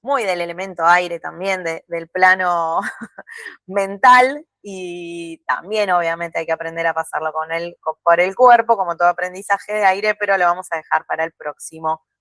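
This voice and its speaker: Woman, course instructor, calm and explanatory, dry close sound. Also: lowish voice, moderate pace, no echo. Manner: calm, explanatory, checks in with frequent tag questions. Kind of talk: recorded video lesson.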